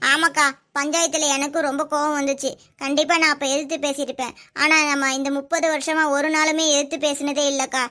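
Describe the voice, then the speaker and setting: A woman voicing the young wives in a family cartoon serial, arguing and talking fast. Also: high-pitched, a bit bright. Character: young village wives, quarrelsome and worried.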